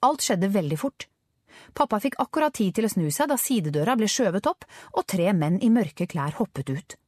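A woman narrating a children's adventure story with expressive storytelling. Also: mid-range voice, breathy edge, no echo. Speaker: audiobook narrator. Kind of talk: scripted narration.

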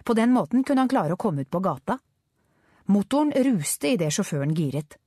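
Lively woman audiobook narrator. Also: medium pitch, slightly rough, no echo, studio quality. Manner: expressive storytelling. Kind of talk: scripted narration.

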